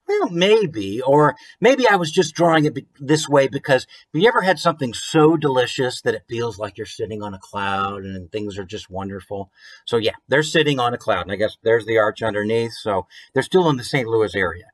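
Reading his own children's book aloud from a small room at home, an American man in his thirties chats with viewers and asks them questions between expressive passages. He speaks at a moderate pace in a medium-pitched, expressive voice, though the recording is rough.

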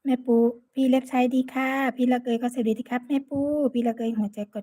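A woman's voice: a little high, little pitch movement, fast, mellow. Chatty Isan-accented woman live streaming. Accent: Isan (Northeastern Thai). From Sakon Nakhon, Northeast Thailand. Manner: chatty, greets and thanks viewers by name. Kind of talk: casual live-stream chat with viewers. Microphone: phone.

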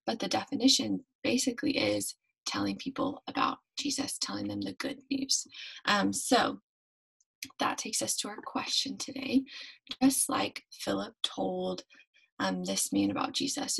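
Her mid-range voice is gravelly, fairly bright, and slightly rough, and the recording itself is rough too. She's a young woman teaching a youth devotional from home, narrating a Bible story in a friendly manner with plenty of ums via the webcam on her bedroom desk.

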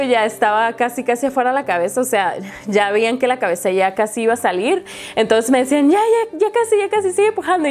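A young woman tells a personal story to her viewers in a chatty, candid way, with lots of fillers. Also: on the high side. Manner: chatty, candid, full of fillers, laughs often. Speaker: vlogger. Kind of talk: casual storytelling to camera.

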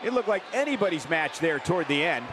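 Male wrestling game commentator, high voice, emphatic calls, loud game noise behind. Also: sing-song, quick pace. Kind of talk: video game play-by-play commentary.

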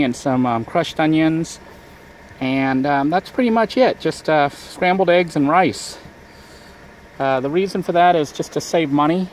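There's slight background noise as a man with a fairly high-pitched voice vlogs outside beside a van. Talking through his cooking as a casual how-to, he rambles in a relaxed manner with many fillers.

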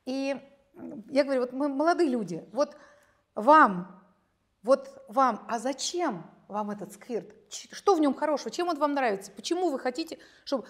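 A high-pitched woman in her late fifties appears as a gynecologist guest expert, seated on a chair in a bright studio and recorded on a lapel mic. She explains medical topics conversationally in a measured, academic way, sometimes breaking into lively storytelling.

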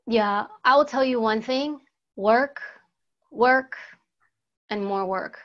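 An American woman who once served as a Secret Service agent tells her life story earnestly as an interview guest, repeating words for emphasis. Her voice is fairly high and slow-paced. The sound is slightly dull and lo-fi, against a plain studio backdrop.

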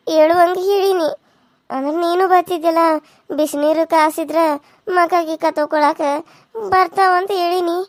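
A woman's voice: very high voice, no echo, clean studio sound. A woman doing a nagging old village mother-in-law. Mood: defensive. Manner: nagging, defensive scolding. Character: older village mother-in-law, nagging but fond of her son.

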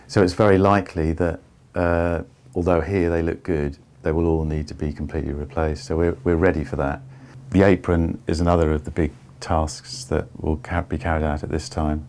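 A man in his fifties giving a measured, step-by-step tour of an old barge's wooden hold. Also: a bass voice, level tone, darkish tone, slight background noise. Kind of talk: explanatory walking tour.

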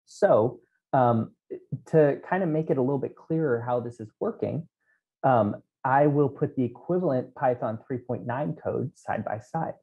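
This keynote speaker, a man in his thirties, has a gravelly, medium-pitched voice and a measured pace as he explains code one step at a time with lots of ums. The technical conference talk comes from a small room at home, indoors, through a headset. Audio quality is dull, lo-fi remote sound.

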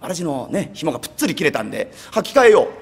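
A man's voice: fairly high pitch, sing-song, racing, husky. Male rakugo storyteller in a hall. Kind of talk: rakugo narration. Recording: reverberant live hall.

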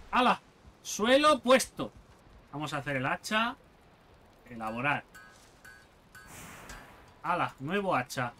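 A man giving casual gameplay commentary, excitable and sarcastic, swearing often. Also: on the high side. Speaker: gaming youtuber.

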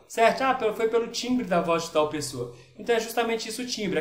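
A man's voice: high-pitched, reverberant. A man with a Brazilian Portuguese accent, a physics teacher talking casually through worksheet exercises in an online lesson and often checking in with his students.

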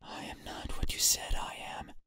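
A woman voicing an eerie night spirit that wants a person's eyes, speaking in a slow, cryptic, breathy whisper. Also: sharp tone, natural voice. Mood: menacing whisper.

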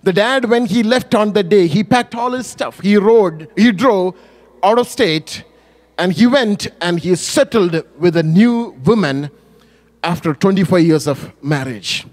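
A man's voice: lively intonation, a little slow. A male pastor telling a story in a sermon, emotive and swinging up and down in volume, often correcting himself as he goes. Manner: emotive, rising and falling in pitch and volume; self-correcting with small restarts.

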